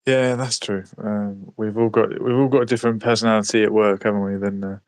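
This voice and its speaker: A man's voice: lowish voice, steady tone, brisk, no echo. A man from West London with a London accent, chatting casually and hesitantly, with many ums and restarts. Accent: London English. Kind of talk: casual chat.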